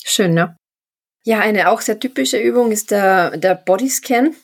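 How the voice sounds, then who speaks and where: A woman co-hosting a podcast, talking calmly and reflectively about mindfulness in drawn-out, easy phrases. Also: mid-range voice, gravelly. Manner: calm, reflective, drawn-out phrasing with many "ja" fillers. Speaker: podcast co-host. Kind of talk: casual podcast conversation on mindfulness.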